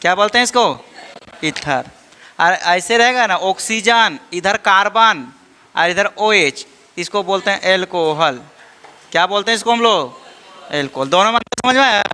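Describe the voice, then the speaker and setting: Indian chem teacher guy, high bright voice, keeps asking "got it?", teases the class a bit. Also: expressive, moderate pace, clear, resonant tone. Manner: drills students with repeated questions; teasing, scolds playfully. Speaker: chemistry teacher. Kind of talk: classroom lecture.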